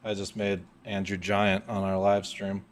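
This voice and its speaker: A man's voice: lowish voice, completely flat delivery, a little slow, background noise. A young man hosting a live coding stream, chatting casually, thinking aloud and laughing often.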